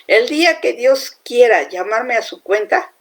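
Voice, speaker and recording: A woman's voice: fairly high pitch, animated, a little slow, fairly bright tone. A woman giving an informal devotional talk, speaking conversationally and often checking in with the listener.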